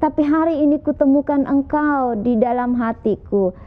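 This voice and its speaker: A woman voicing a lonely rich young man, high and pleading. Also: moderate pace, faint music behind, close to an everyday voice. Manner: questioning, pleading, breathless. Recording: tinny phone-like sound.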